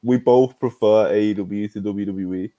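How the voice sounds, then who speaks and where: A man's voice: fairly low pitch, fairly even intonation, moderate pace, mellow, dull audio. A man bantering heatedly on a podcast, exasperated, swearing and repeating himself. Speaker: podcast panelist.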